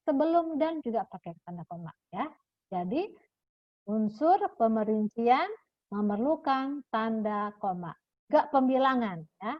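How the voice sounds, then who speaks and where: A patient woman teacher walks her young pupils through a lesson, adding a checking "ya" to her phrases. Her voice sits a little high. The recording is dull and lo-fi, with a dry, close sound. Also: no room sound. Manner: patient, explanatory, calls pupils "anak ibu", ends phrases with "ya". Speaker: primary school teacher.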